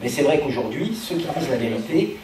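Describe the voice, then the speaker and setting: A man's voice: mid-range voice, very animated, fast. A man giving structured, explanatory answers as a political speaker at a public meeting. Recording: very echoey room, distant, faint noise.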